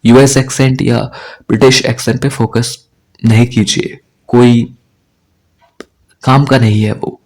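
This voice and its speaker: Here a young man with an Indian accent gives a spoken English lesson, switching between Hindi and English as he explains slowly. He keeps tossing in "right?" to check understanding, and his voice is mid-range.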